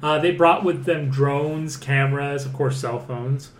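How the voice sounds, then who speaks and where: A podcast host who rambles through stories, swears freely and leans on fillers. The voice sits at a middle pitch in a roomy, echoing space with a faint hiss of noise behind it. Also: fairly even intonation, unhurried. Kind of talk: casual podcast chat.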